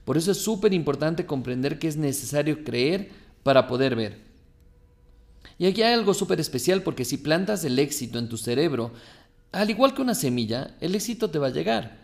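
A man's voice: a little high, a little mellow. A man hosting a podcast, giving a motivational monologue full of rhetorical questions. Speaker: podcast host.

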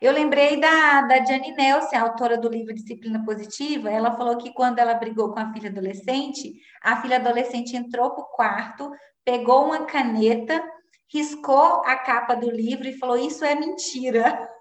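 A woman telling personal parenting stories in a candid, confessional and animated way. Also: fairly high pitch, moderate pace, echoey room. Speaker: guest parenting speaker. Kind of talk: conversational storytelling.

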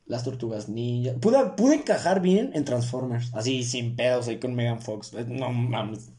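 A man's voice: mid-range voice, lively intonation, normal speed, mellow. A young man with a Mexican accent, hosting a solo podcast in a joking, slangy, self-mocking way. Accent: Mexican Spanish. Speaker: podcast host. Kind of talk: casual solo podcast monologue.

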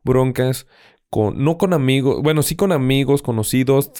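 A young man from Zacatecas with a Zacatecas Mexican accent, co-hosting a casual podcast chat, blunt and quick to swear and laugh. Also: mid-range voice, dark tone. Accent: Zacatecas Mexican Spanish. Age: young adult. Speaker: podcast co-host.

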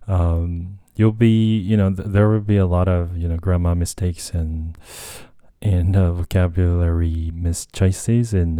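A man's voice: low voice, mellow, no room sound, clean studio sound. A young Japanese man with a Japanese accent hosting a casual solo podcast, talking hesitantly with many fillers and self-corrections. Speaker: podcast host. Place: Tokyo, Japan.

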